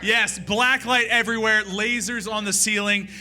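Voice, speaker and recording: A man's voice: high-pitched, fairly even intonation, moderate pace, pushed and bright, faint music behind. A man as dungeon master, narrating an improvised comedy tabletop game in a rambling, giggly way with stumbling restarts.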